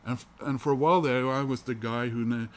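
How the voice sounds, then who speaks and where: Talking fast in a steady, mid-range voice, this man from Norway chats loosely to camera about his latest record purchases. He's a vinyl collector vlogger whose rambling talk is full of "uh" and "um" fillers.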